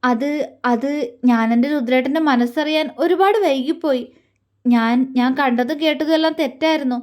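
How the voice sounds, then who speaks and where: A woman voicing a tearful young wife in an audio love story, speaking in a halting, trembling way. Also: sits high, a little mellow, natural voice. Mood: emotional. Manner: tremulous, halting, emotional.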